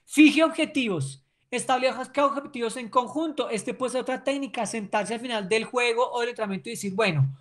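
A woman's voice: on the high side, brisk. Emphatic woman lecturing. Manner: emphatic, keeps checking in with "¿sí?". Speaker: sports training lecturer. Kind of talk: recorded class lecture.

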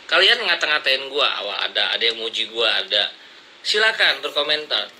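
A man's voice: medium pitch, sing-song, moderate pace, sharp tone, a little hiss or hum, poor audio. A man ranting at his critics in blunt, confrontational slang, lecturing them from his seat. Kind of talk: heated casual rant to camera. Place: seated indoors, smoking and drinking coffee.

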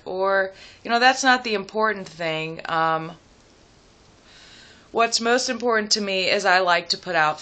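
A young adult woman chatting casually and personally to the camera at home, hesitant and reflective, pausing as she thinks aloud. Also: medium pitch, bright, forceful tone. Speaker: vlogger. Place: small room at home, seated indoors.

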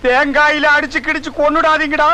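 A man's voice: very high voice, little pitch movement, brisk, noisy background. An actor playing an indignant sorcerer guru who rants and scolds his disciples in a film comedy. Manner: ranting, scolding, self-righteous.

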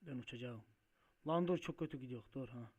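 Excitable man playing a truck game. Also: mid-range voice, a little fast, husky, lo-fi sound. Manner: excitable, swears and shouts at mishaps; muttering to himself while driving. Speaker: gaming video host. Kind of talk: Let's Play commentary.

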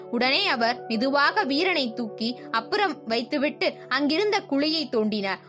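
A young woman narrating a children's story for an audiobook in a steady, clear storytelling manner. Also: sits high. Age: young adult.

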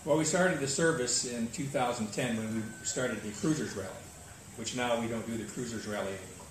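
Out on a noisy tropical veranda, an older man fields interview questions about the cruising services he organizes. He is easygoing and matter-of-fact, with a medium-pitched voice and a fairly quick pace, all heard through distant, echoing audio.

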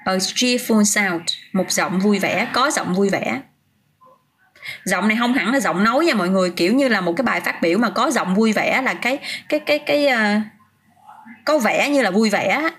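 A woman's voice: mid-range voice, expressive, a little fast, a bit bright, breathy edge. A woman teaching English vocabulary on a casual livestream, chatting, answering viewers' comments by name and often restarting her sentences.

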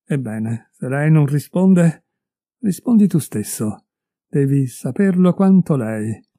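A furious, betrayed middle-aged husband, put on by a male reader hurls accusations at his wife and her lover. His voice climbs with anger over a very dark, mellow base. The storybook recording is dry and close. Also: on the high side, expressive, slow, dry recording. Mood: furious, accusing. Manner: raised, heated and accusing.

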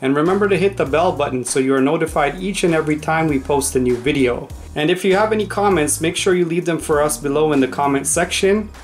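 A man's voice: on the high side, quick pace, few pauses, faint music behind. A man reading a scripted outro asking viewers to like, subscribe and comment. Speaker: channel outro announcer.

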